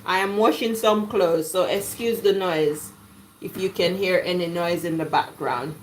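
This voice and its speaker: Slow-talking woman cooking live. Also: fairly low pitch, a little hiss or hum, low-quality recording. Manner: chatty, greets viewers warmly by name. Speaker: cooking livestream host. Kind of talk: casual live cooking demo. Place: home kitchen. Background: washing machine running.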